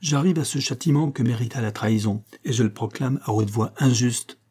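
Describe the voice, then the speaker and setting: A man's voice: medium pitch, fairly quick, a little mellow, slightly rough, lightly acted. A man reading the part of a proud, indignant Japanese baron in an audiobook, in a declaiming, oratorical manner. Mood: indignant oratory.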